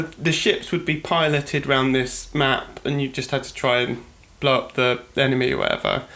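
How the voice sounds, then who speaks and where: A man's voice: mid-range voice, fairly bright tone. A man from Britain co-hosting a podcast, talking in a rambling, chatty way and often correcting himself mid-sentence. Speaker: podcast co-host. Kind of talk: casual podcast monologue.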